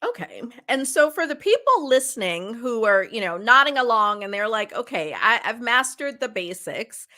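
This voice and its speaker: Woman, podcast host, bright clear tone, chatty, thinks aloud with fillers. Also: on the high side, big pitch swings, moderate pace, few pauses. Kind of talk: conversational interview hosting.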